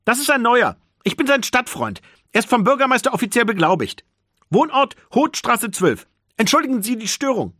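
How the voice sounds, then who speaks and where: A man voicing a pushy, hurried young male wolf-like creature in an audiobook. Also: high-pitched, expressive, pushed and bright, breathy edge, no room sound, clean studio sound, pitched above the performer's own voice, exaggerated voice. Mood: brisk.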